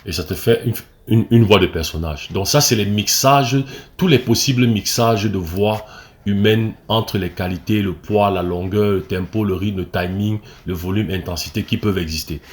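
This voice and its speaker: A man's voice: fairly low pitch, moderate pace. A man with a Cameroonian French accent, an acting coach explaining step by step, with fillers and restarts and frequent "ok?" checks. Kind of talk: screen-recorded tutorial.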